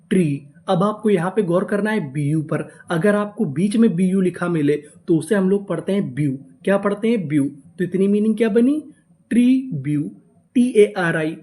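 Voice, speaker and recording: An English reading teacher giving a phonics lesson, spelling words out letter by letter, sounding them out slowly and asking the class to repeat them. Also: medium pitch, mellow. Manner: slow and deliberate on sounded-out words.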